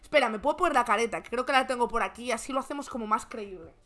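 A woman's voice: on the high side, racing, a bit bright. A woman from Spain with a Spain Spanish accent, hosting a streamed show and giving comic, mocking commentary on the news. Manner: sarcastic and mocking. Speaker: streamer host.

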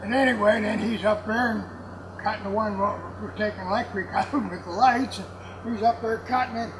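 In a block-walled warehouse with clearly noisy room ambience, a man in his seventies rambles through casual anecdotes. His voice is high and brisk with fairly even intonation, and he's folksy and salty, laughing as he tells his stories.

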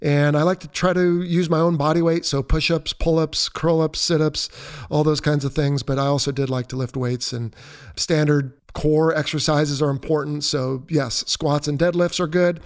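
A man's voice: a little high, normal speed. Upbeat fifty-year-old male podcast host. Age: 50s. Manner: relaxed, joking, conversational. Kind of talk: reading listener questions and answering.

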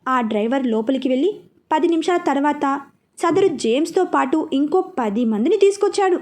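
A woman's voice: high-pitched, expressive, normal speed, a little mellow. A woman reading a serialized romance story aloud, lifting her voice for the characters' lines. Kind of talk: scripted story narration with acted dialogue.

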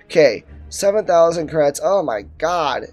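A young man gives casual commentary over a game he is playing. His voice sits a little high, and he thinks aloud with muttered asides. Faint music runs underneath. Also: animated, normal speed, darkish tone. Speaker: gaming video host. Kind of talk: casual let's-play commentary.

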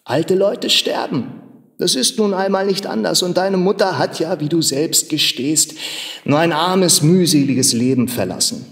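A man voicing a stern, proud old miner who urges and scolds in a grave, deliberate way. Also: on the high side, voice pushed up. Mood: consoling. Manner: urging, grave, at times angry. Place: large machine workshop hall in a theater. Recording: long reverb of a large hall.

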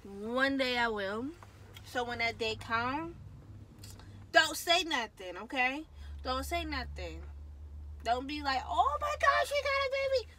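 Young woman vlogger, unhurried and slightly high-voiced, rambling to camera from a phone in a parked car with faint hum behind. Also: big pitch swings, bright, forceful tone, poor audio. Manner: chatty, trails off with "so, yeah", drops to a mumble. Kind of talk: casual vlog chat. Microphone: phone camera held close.

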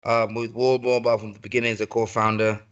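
Flat-voiced man from Tanzania. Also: fairly low pitch, fast talker. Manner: brief, matter-of-fact. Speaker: guest, co-founder. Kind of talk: self-introduction on a video call. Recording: dull lo-fi video call audio.

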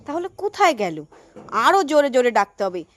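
A woman, playing a mother in a scripted comedy skit, animated and scolding, narrating to herself outdoors. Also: sits high, fast talker, no echo. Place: outdoors in a yard.

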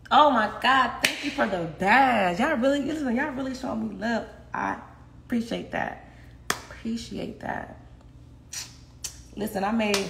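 On a phone held at arm's length in her echoey, faintly noisy home kitchen, a young woman livestreams, chatting candidly with viewers, laughing a lot and swearing freely. Her voice is fairly low, creaky, and slightly bright.

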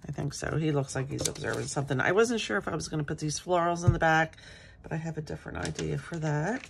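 A woman's voice: deep voice, fairly even intonation, fast, gravelly, a little hiss or hum. A middle-aged woman in her home craft room, chatting casually and rambling as she works on a journal page, with a morning voice. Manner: chatty, rambling, talks while working. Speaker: craft channel host.

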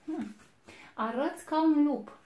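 A woman voicing a big, bad male wolf who makes loud, menacing threats in a storybook reading, recorded in an echoey room. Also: high voice, dull audio, pitched above the performer's own voice, natural voice. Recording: echoey room, faint noise.

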